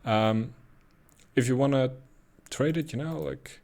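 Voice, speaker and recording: A crypto analyst speaking with a Dutch accent narrates his chart analysis casually from a home desk. He keeps a middle pitch and an unhurried rhythm, often pausing with an um or uh as he works through his thoughts.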